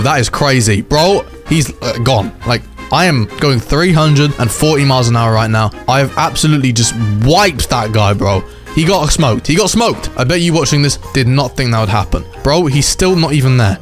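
Hyped young man calling game races. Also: medium pitch. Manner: hyped, says "bro" a lot, jumps into shouts at race finishes. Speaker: gaming YouTuber. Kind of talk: excited gameplay commentary.

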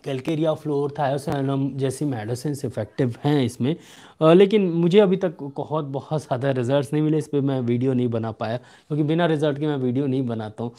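Recorded on a desk webcam in a small home room, a young male homeopathic doctor takes viewer questions in a live clinic. His mid-range voice stays steady and instructive, slowing as he reads each question out.

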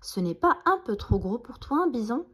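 A woman's voice: a little high, big pitch swings, normal speed, slightly rough. A woman voicing a doubtful, wry young earthworm friend in a bedtime story.

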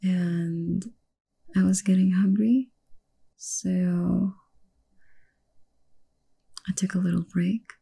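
Soft whispery woman in whispered role-play. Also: on the low side, flat delivery, drawn-out words, creaky, pauses often, husky. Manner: soft, gentle and coaxing. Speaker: ASMR role-play performer.

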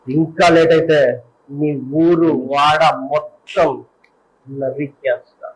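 A man playing a slow, menacing hero. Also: fairly high pitch, steady tone, rough recording. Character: stern grown hero warning a drug dealer. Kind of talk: audition monologue.

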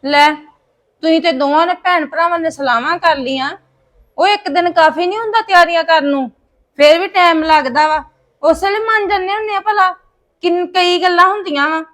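A woman's voice: very high voice, normal speed, a bit bright. A woman acting an indignant mother in a family drama. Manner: indignant, protesting. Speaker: actor in a family skit. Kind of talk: scripted Punjabi family drama.

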